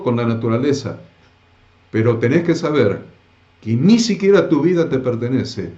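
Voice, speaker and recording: A man's voice: mid-range voice, dark tone. A man teaching a live Bible class, emphatic and repeating key phrases with rhetorical questions. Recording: roomy, dull lo-fi classroom sound.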